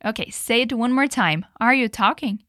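A woman's voice: on the high side, a bit bright, dry recording, clean studio sound. Patient woman teaching English drills. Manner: patient, slows down on English phrases. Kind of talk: language lesson with repeat-after-me drills.

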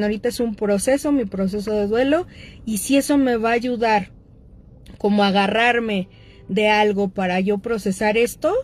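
A woman's voice: on the high side, a little mellow. A middle-aged woman with a Mexican accent, hosting and speaking casually and directly to her audience about addictions, with frequent fillers. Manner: conversational, addresses listeners directly, frequent fillers.

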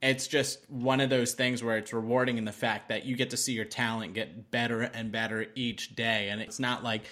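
A man's voice: mid-range voice, little pitch movement, normal speed, few pauses, bright, forceful tone. A man chatting casually as an interviewer, upbeat and encouraging in an informal way. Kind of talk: casual chat.

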